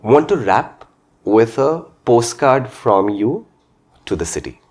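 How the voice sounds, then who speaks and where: A man's voice: mid-range voice, lively intonation, slow pace. A man with an Indian accent hosting a casual interview, chatting with his guests and putting questions to them. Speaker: podcast host.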